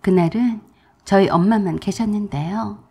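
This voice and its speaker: A woman's voice: mid-range voice, moderate pace, warm tone, slightly rough. A woman giving first-person, matter-of-fact narration for a radio drama.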